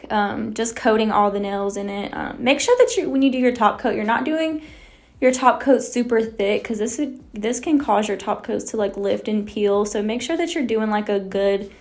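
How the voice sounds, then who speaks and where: A woman's voice: medium pitch, creaky. A young woman, talking through a nail tutorial in a casual, chatty way, full of "like" and "um". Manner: chatty, lots of "like" and "um" fillers. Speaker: nail technician.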